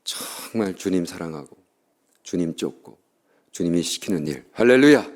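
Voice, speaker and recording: A man's voice: low-pitched, lively intonation, moderate pace. A middle-aged male pastor preaching a revival sermon, telling stories animatedly and acting out the voices of the people in them.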